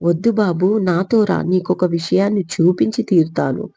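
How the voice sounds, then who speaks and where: A woman's voice: lowish voice, steady tone, normal speed, gravelly, mellow, no room sound, muffled recording. A woman doing a nosy, scheming office manager. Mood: agitated. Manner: grumbling, sarcastic.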